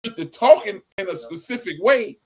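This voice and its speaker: A man co-hosting a casual podcast, talking animatedly and acting out quoted lines in loud bursts. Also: high voice, animated, moderate pace, breathy edge. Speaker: podcast co-host.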